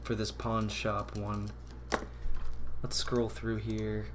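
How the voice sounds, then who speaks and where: A man's voice: fairly low pitch, monotone, slow, noisy background. Chatty man rambling with laughs. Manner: rambling, laughs often, drops to mumbles. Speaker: podcast co-host. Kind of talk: casual comedic chat.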